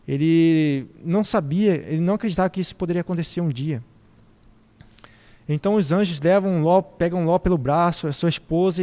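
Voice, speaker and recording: A man's voice: sits high, a little mellow, long reverb tail. A man preaching a reflective sermon who poses questions to his congregation.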